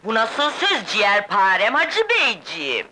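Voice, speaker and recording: An actress playing a shrill, fawning, scheming mother in 1960s film acting. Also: wildly swooping pitch, measured pace, bright, forceful tone, a little hiss or hum, heavily acted.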